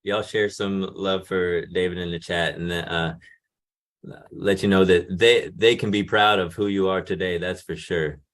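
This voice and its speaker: A man facilitating an online workshop, moving speakers along briskly on a video call. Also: sits low, fairly even intonation, a bit bright. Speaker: session facilitator.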